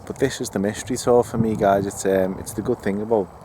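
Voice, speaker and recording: A man's voice: on the low side, fairly even intonation, fast talker, background noise. A man investigating the paranormal, calling out to spirits and joking wryly to camera, outdoors in woods at night. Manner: dry, wry humor.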